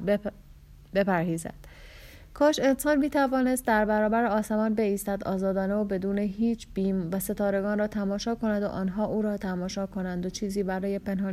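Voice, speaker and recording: Woman, audiobook narrator, mellow warm tone, steady measured reading, novel narration. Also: medium pitch.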